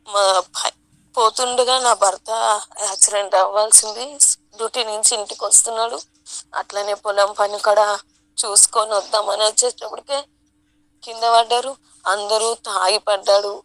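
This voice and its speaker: A woman's voice: fairly high pitch, a bit bright, no room sound, low-quality recording. A woman with a Telangana Telugu accent giving an earnest, emotional personal testimony at a church prayer meeting.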